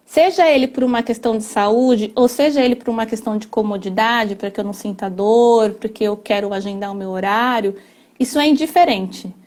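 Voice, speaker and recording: In an explanatory conversation, this woman, a family constellation therapist, speaks fairly quickly with a fairly high, darkish voice. She's earnest, pausing frequently in hesitation and tossing in tag questions.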